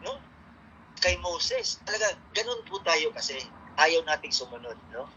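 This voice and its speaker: A speaker with a Filipino accent leads a morning devotion in a relaxed, conversational way, reading Bible verses aloud and checking in with listeners. The voice is bright and forward, with a faint hiss behind it. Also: medium pitch, measured pace, dull audio. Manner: reads scripture aloud, asks "no?" often. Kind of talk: Taglish morning devotion sermon.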